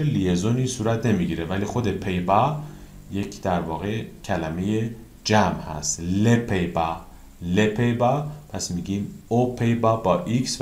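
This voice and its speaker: Man teaching French grammar in an echoey room. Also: on the low side. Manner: slow, careful over French example phrases. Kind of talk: grammar lesson explanation.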